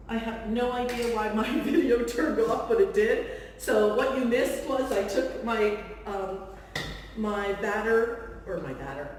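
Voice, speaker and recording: A woman's voice: medium pitch, a little mellow, slight background noise. Chatty woman in an echoey kitchen. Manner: chatty, self-deprecating asides. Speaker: real estate agent hosting a cooking demo. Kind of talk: casual cooking demonstration. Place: kitchen of a rental home. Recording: very echoey room, distant mic.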